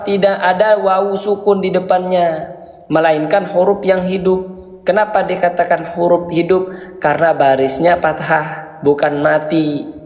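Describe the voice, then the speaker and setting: A man teaches beginners in a slow, patient lesson, asking questions and answering them himself. His voice sits a bit high for a man. The room is echoey, with a long trailing reverb. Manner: repeats and quizzes with questions, then answers himself; addresses parents as Ayah Bunda. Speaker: Quran reading teacher.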